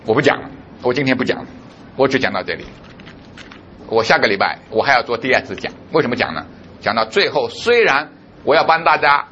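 A man's voice: medium pitch, sharp tone, highs cut off, a little hiss or hum. A male pastor preaching a sermon, who keeps putting rhetorical questions to his congregation.

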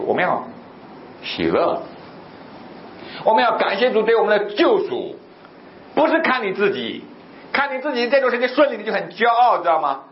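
A man preaching a sermon as pastor, telling stories and asking the congregation rhetorical questions. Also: high voice. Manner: animated, rhetorical questions, storytelling. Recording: echoey, slightly dull recording with faint noise.

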